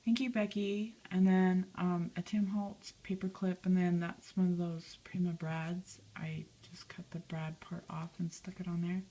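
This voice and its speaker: A woman with a low, even voice walks through her mixed-media canvas piece by piece. She talks in a soft, chatty way and often trails off into a whisper. There is little rise or fall in her voice. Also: unhurried, few pauses, rough recording. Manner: soft, chatty, lots of "um" and "and then". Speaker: craft vlogger. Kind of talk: casual show-and-tell narration.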